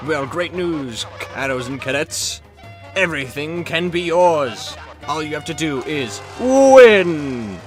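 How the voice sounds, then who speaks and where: A man voicing a manic, showy game show host in the manner of a booming prize announcer. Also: very animated, slow, over music.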